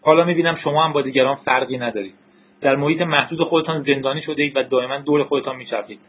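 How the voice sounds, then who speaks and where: Brief: man reading a frantic young hacker, husky pitch pushed up, tinny lo-fi audio. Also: fairly even intonation, close to an everyday voice. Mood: agitated. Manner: urgent, rising to shouts. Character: young male hacker, desperate and pleading. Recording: tinny narrow-band recording.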